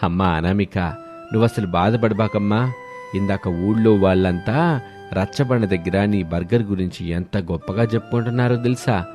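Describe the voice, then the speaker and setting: A man playing a gentle elderly father-in-law in a cartoon story, his voice lower and quieter than usual. He soothes the listener in an easy rural manner, with faint music behind. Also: moderate pace, close to an everyday voice. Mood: comforting.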